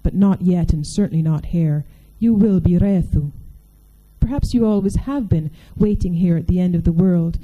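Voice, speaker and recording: A woman reading aloud as a mysterious male being, speaking quietly, measured and intimate. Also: lowish voice, narrow, tinny audio, close to an everyday voice. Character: mysterious seductive male otherworldly being, calm and commanding.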